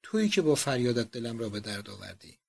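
A man's voice: medium pitch, very animated, creaky, breathy edge, voice pushed down, full character voice. A man voicing a doting, emotional old father, speaking fervently and effusively.

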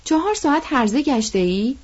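A woman reading the lines of a jealous, hot-tempered young man, with sharp accusing outbursts. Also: high-pitched, very animated, husky, full character voice. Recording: dull lo-fi recording.

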